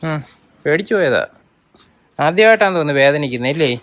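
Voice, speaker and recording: A man with a high voice talks casually at home, coaxing his pet over again and again. He soothes it and teases it gently in turn, in a light, chatty home-video manner. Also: lively intonation, fast. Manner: coaxing and calling a dog, soothing and teasing. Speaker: dog owner filming his pet.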